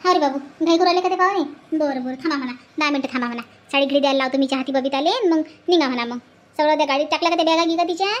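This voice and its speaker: A woman's voice: high voice, racing, natural voice. A woman voicing an older village woman from who scolds and hands out repeated advice. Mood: hurried orders. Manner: scolding, repetitive advice-giving. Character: older village woman, bossy, lecturing elder.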